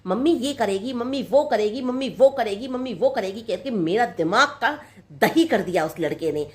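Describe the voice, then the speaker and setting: A woman playing a proud, sharp-tongued older mother-in-law who nags and scolds in a comic sketch. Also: fairly high pitch, expressive, moderate pace, close to an everyday voice. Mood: scolding. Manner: nagging, scolding, repetitive complaints.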